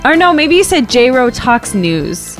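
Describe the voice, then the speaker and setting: A woman's voice: high voice, sing-song, takes it slowly, music in the background. A woman co-hosting a podcast, giggly and teasing in a casual chat. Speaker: podcast co-host.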